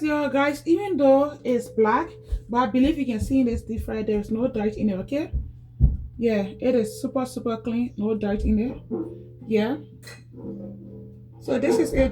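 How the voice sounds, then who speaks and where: In a home cleaning vlog with background music, a woman from Liberia chats casually, repeats herself, and keeps addressing viewers as "guys." Her voice is fairly high-pitched, and the audio quality is poor.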